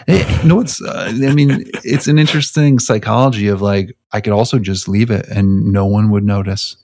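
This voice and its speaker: A man's voice: lowish voice, creaky, a little mellow, no room sound, studio quality. A man co-hosting a podcast in casual chat, rambling and restarting his sentences, laughing often. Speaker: podcast co-host.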